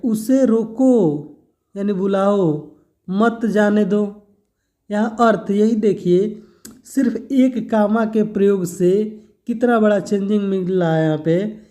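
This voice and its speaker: A man's voice: sits high, warm tone. A man teaching a grammar lesson for exam preparation, explaining step by step and answering his own questions.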